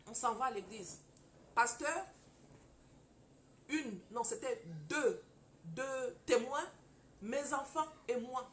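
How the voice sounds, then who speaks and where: A woman teaching on marriage, mixing personal testimony with fervent preaching. She moves from quiet storytelling to loud declarations and addresses her listeners directly, scolding and urging them. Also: sits high, slight background noise. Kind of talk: testimony-style preaching to an audience.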